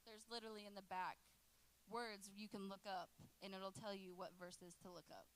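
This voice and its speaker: A woman's voice: medium pitch, normal speed, a little hiss or hum, rough recording. A woman in her late twenties giving a casual, joking talk to a youth group as its youth pastor. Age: 20s. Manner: lively and joking, chatting with teens in the room.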